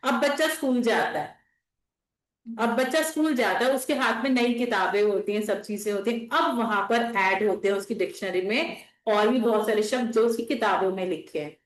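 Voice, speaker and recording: A woman's voice: on the high side, moderate pace. A woman teacher giving a classroom lecture, explaining patiently and checking in with her students often. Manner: explains patiently, repeats and checks with "theek hai". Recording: echoey classroom.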